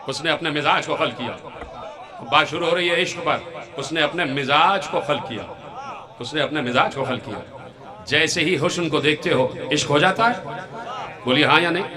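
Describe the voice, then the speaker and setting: A man with a Pakistani Urdu accent preaching a sermon to a gathering, emphatic and repetitive, calling on the audience to answer. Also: on the high side. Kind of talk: religious sermon to a crowd. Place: outdoor gathering with a crowd. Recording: crowd noise behind a public-address voice. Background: crowd.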